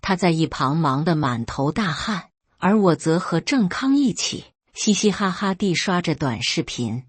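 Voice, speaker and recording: Husky, lively woman storyteller. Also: lowish voice, a little slow, no echo. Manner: lively storytelling, briefly voicing characters. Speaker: story narrator. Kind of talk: first-person scripted story reading.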